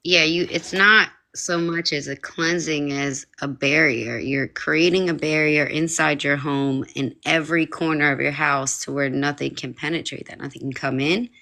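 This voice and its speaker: Low-voiced woman calmly explaining how to protect a house, very matter of fact. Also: normal speed, creaky, hardly any pauses. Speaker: spiritual advisor guest. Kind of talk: live-stream chat.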